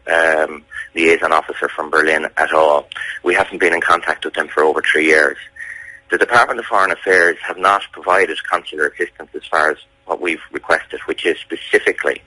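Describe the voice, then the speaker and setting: An Irish man being interviewed on the radio, speaking insistently in a halting way with repeated words. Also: extremely low pitch, sharp tone, dry recording, low-quality recording. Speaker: campaigner interviewed about a family member's case.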